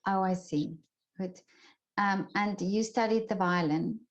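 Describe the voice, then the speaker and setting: A woman hosts an interview, posing questions and murmuring along attentively. Her voice sits at an ordinary pitch. The recording sounds a little dull and lo-fi. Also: unhurried. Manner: attentive, frequent listening murmurs. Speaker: interviewer host. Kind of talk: interview conversation.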